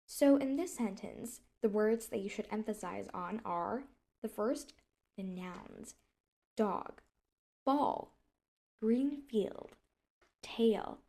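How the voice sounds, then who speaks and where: A woman's voice: mid-range voice, vocal fry, a little mellow. Vietnamese-accented young woman teaching English. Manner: explanatory, stresses key words while demonstrating. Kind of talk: English pronunciation lesson.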